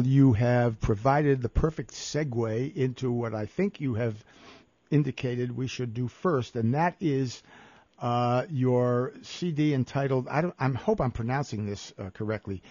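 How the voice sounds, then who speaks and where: A man's voice: mid-range voice, unhurried, dark tone, no echo. A male radio host asks his guest polite, guiding questions. His voice sounds close and dry, with a dull, slightly muffled tone. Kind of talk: radio interview.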